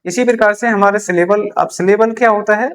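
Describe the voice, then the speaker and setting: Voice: medium pitch, fairly quick. A teacher gives a beginner English lesson explained in Hindi, repeating key terms and answering their own questions while writing examples on a board.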